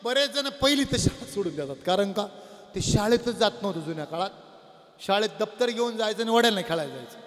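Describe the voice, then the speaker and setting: Male devotional preacher, high-pitched, lively parable teller who questions his audience, long hall reverb. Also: fast talker. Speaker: religious discourse speaker. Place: before a live audience.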